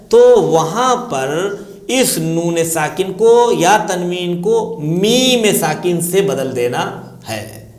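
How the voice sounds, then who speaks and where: A male religious teacher with an Indian Urdu accent, explaining a lesson patiently and slowly drawing out recited examples. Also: high voice. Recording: echoey room.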